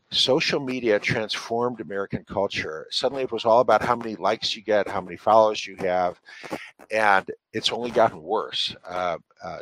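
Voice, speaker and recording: A man's voice: on the low side, a bit bright, dry recording, poor audio. A man who writes and speaks about parenting, answering interview questions in an earnest, instructive way with frequent fillers. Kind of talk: interview answers giving advice.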